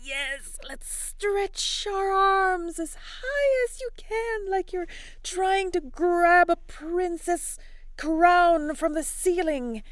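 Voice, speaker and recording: Speaking very slowly in a very high-pitched voice, a female storyteller hosts an interactive fairy tale for kids. She's playful and encouraging, animated, with chatty asides for the young audience. The recording is dry.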